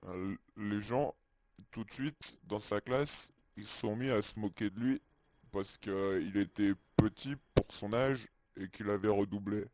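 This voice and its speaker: A man's voice: fairly low pitch, unhurried, darkish tone. A man whose voice is disguised with a voice changer, telling a personal story in a hesitant, childlike way. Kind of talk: halting first-person storytelling. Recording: dry, muffled lo-fi sound.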